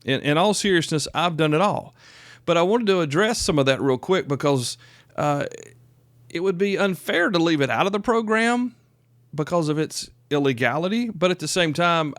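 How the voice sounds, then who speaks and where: A man in his fifties hosts a solo podcast, his voice on the high side, smooth and free of echo. Close on the microphone, he talks casually and informally, repeating phrases for emphasis.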